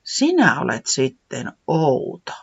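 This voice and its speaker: Blunt, wistful storybook friend in a near-normal voice, read by one narrator; breathy, muffled recording. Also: mid-range voice, wildly swooping pitch, no room sound, full character voice. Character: grumpy summer-loving storybook friend.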